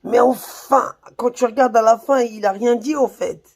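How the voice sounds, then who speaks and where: A man's voice: extremely high pitch, moderate pace, a little mellow. A man on his own channel in a heated, mocking rant full of slang and swearing. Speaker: YouTuber. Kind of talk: heated insulting rant to camera.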